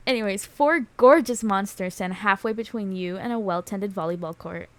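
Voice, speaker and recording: A woman's voice: mid-range voice, unhurried, no echo. A woman on a casual gaming stream who reads game text aloud and laughs often between jokey asides.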